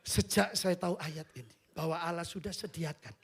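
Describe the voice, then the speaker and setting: Middle-aged man, East Javanese accent, husky voice, animated storytelling preacher. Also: fairly high pitch, fairly quick. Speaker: pastor. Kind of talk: storytelling sermon.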